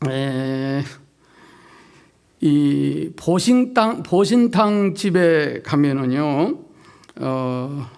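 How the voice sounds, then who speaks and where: A man's voice: fairly high pitch, expressive, extremely slow, creaky, long pauses, darkish tone, clear, resonant tone. A male pastor giving an evening revival sermon in a church, joking and folksy, drawing out his words and asking the congregation questions. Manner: joking, folksy, draws out words, asks the crowd. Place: church sanctuary.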